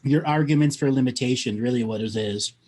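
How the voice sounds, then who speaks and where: A man's voice: medium pitch, a little fast, darkish tone. A man hosting a call-in show, giving spiritual readings to callers in a blunt, coaching manner.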